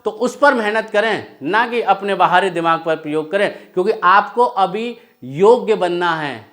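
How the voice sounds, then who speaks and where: A man's voice: high voice, moderate pace, a bit bright. A man teaching an exam-prep lecture, who keeps asking rhetorical questions and answering them himself while urging students on. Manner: asks a question then answers it himself, exhorting. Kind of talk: classroom lecture with call-and-response questions. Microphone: whiteboard lecture recording.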